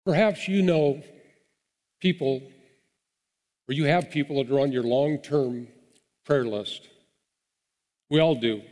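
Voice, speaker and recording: A man's voice: mid-range voice, takes it slowly, long pauses, darkish tone. A man preaching a sermon as pastor, earnest and encouraging, with small restarts as he talks. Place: church sanctuary. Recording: long hall reverb.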